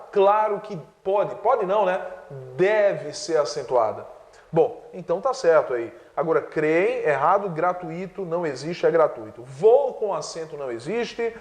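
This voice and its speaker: High-pitched guy teacher going through exam answers, lots of "né?", echoey room with long reverb. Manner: explains answers step by step, often adds "né?". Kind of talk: exam prep lesson.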